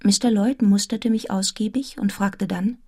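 Woman narrator, literary audio drama, dark warm timbre, medium pitch, sombre recollection. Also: steady tone, moderate pace, husky. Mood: reflective, sombre. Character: grown woman recounting her grim orphan childhood, reflective.

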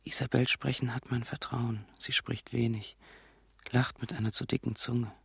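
A man reading a first-person literary text for an audio drama, in a quiet, reflective manner. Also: mid-range voice, level tone, normal speed, creaky, husky, no echo, studio quality. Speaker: narrator. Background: music.

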